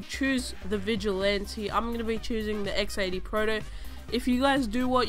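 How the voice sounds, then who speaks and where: This young woman runs a gaming channel and is voicing over gameplay footage from home, casually walking viewers through a game tutorial. She's chatty and repeats her instructions step by step, though a cold has left her stuffy-nosed. Her voice is medium in pitch and fairly bright.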